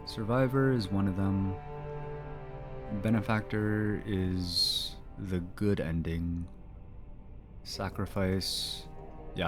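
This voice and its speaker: A man giving casual commentary as he plays a game, muttering to himself with playful asides. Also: low voice. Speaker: gamer doing a playthrough. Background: game music.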